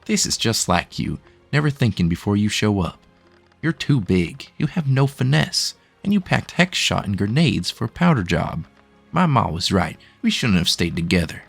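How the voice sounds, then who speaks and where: A man voicing a sly, quick-witted male card-throwing thief who needles and schemes theatrically. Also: lowish voice, big pitch swings, creaky, slightly rough, faint music behind, exaggerated voice. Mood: mock-accusing.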